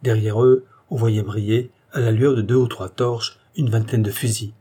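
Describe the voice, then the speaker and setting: A man narrating a historical novel as an audiobook, with steady, dramatic storytelling. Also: on the low side, normal speed, slightly rough. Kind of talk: scripted narration.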